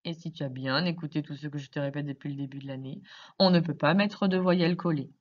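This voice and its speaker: A woman teacher explaining grammar to young children in slow, careful speech, asking many questions. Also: deep voice, dull audio. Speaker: primary school teacher.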